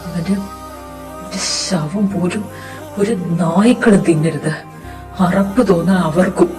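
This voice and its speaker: A woman's voice: slow pace, dark tone, far from the mic, soft background music. A woman voicing a young man who grieves his friend and turns bitter and vengeful, in a fan audio drama. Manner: bitter, low-spoken, vengeful.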